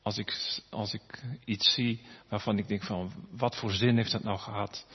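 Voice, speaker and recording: Gravelly low-voiced man preaching in a hall. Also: fairly even intonation. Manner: earnest, halting with many fillers and restarts. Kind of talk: sermon. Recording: dull, reverberant hall sound.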